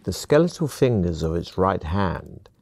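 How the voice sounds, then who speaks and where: A man giving steady, measured second-person scripted narration for an adventure game. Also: low voice, slightly rough.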